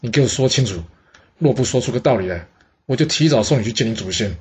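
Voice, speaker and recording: A man voicing a proud male ruler who speaks in a brisk, demanding way. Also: mid-range voice, animated, darkish tone, breathy edge. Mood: stern. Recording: dull lo-fi audio.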